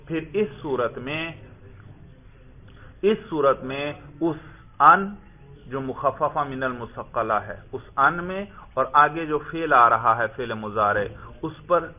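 Brief: male grammar teacher at a mid pitch, quizzes the class and answers himself, lo-fi phone-like sound. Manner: asks the class questions and answers them himself; calls the listeners "brother" and slows down to stress the Arabic examples. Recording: tinny, phone-like low-fidelity audio.

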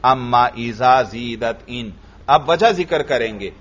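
A man teaching Arabic grammar in a classroom lesson, reading the text in a slow chant and then explaining it and quizzing his students. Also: mid-range voice, lively intonation, a bit bright, lo-fi sound.

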